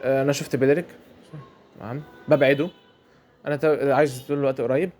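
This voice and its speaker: Fast-talking Egyptian man commenting on gameplay. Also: mid-range voice, steady tone, a little mellow. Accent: Egyptian Arabic. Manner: fast, chatty, repeats phrases, colloquial. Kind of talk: mobile game commentary over gameplay.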